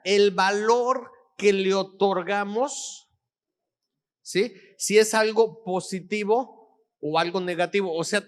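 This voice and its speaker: A man preaching as a pastor, checking in with his audience after almost every phrase. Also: sits high. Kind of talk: sermon.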